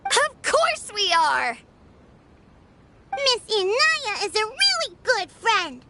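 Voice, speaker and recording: A tiny, squeaky girl gushes with excitement in a game scene. Her very high voice leaps around wildly and rings bright, drawing words out slowly over music. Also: exaggerated voice. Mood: excited. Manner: squeaky, exclaiming, gushing. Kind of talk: video game voice acting.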